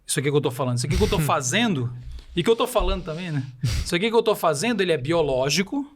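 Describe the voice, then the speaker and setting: On a podcast, a man from Belém do Pará, Brazil, talks in rapid-fire bursts with an expressive voice on the high side. His Paraense Brazilian Portuguese accent comes through as he explains ideas didactically, sprinkling in rhetorical questions.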